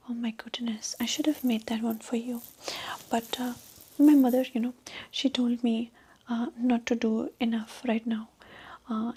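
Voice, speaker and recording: A woman's voice: fairly high pitch, husky. A woman whispering in an Indian accent as a chatty, boastful young Indian woman on a marriage date, in an ASMR roleplay. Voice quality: soft whisper. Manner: boastful, gossipy, rambling.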